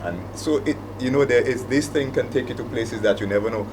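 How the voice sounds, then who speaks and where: A middle-aged aviation operations manager with a Saint Lucian accent speaks as a panelist, reflective and conversational, sharing anecdotes. His medium-pitched voice is fairly quick, with background noise present.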